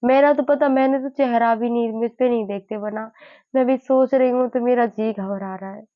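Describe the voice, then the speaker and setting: A woman in her early twenties sharing her grief in a personal vlog. She sounds weary and low, halts often, and repeats herself. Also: fairly even intonation, dry recording. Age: early 20s. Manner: halting, repeats herself, many fillers. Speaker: vlogger. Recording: dull lo-fi dry sound.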